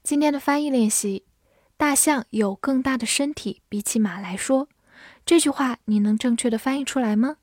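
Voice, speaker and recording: A woman teaching English vocabulary and grammar, reading example sentences slowly and carefully. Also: high-pitched, darkish tone, no room sound, studio quality. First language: Chinese. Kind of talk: scripted English lesson.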